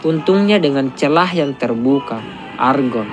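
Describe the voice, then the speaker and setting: A man doing a steady, scripted voice-over that retells a film's plot. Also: medium pitch, measured pace, soft background music. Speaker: film recap narrator. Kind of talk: scripted narration.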